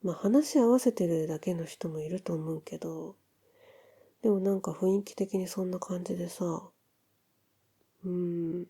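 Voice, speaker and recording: A woman playing an affectionate newlywed wife in an ASMR role-play of intimate pillow talk, soft, breathy and musing. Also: fairly low pitch, full character voice. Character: affectionate newlywed wife chatting softly in bed.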